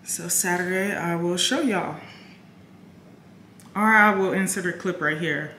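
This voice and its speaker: A young woman talks casually to camera, calling her viewers "y'all" in a bright, lively voice. The room around her is echoey, with a faint hum of ambience behind her. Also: fairly low pitch, measured pace. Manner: chatty, addresses viewers as "y'all". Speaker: vlogger. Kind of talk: casual vlog chat to camera.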